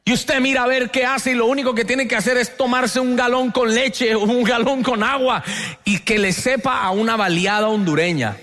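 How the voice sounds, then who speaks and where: A man from Colombia with a Colombian Spanish accent, preaching a lively sermon as pastor and having the congregation repeat lines after him. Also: extremely high pitch, normal speed.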